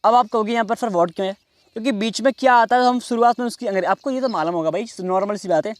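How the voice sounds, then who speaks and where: A man teaching in a class, explaining slowly and repeating each phrase. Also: high-pitched, no echo. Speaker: English teacher. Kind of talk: classroom lesson.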